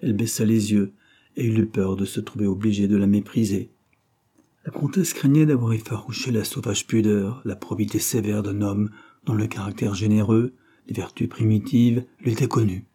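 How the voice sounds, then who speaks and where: A man giving measured audiobook narration of a literary novel. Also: on the low side, steady tone, mellow, breathy edge.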